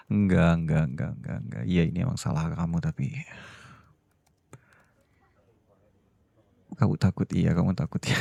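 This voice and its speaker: A man playing a strict boss and loving husband in a whispered role-play, with a very low, gravelly voice. His tone is dark and husky, close and dry with no room sound. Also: dry recording, exaggerated voice. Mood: tender soothing. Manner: cold and scolding, then soft and pleading. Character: stern boss who is a doting husband. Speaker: voice actor.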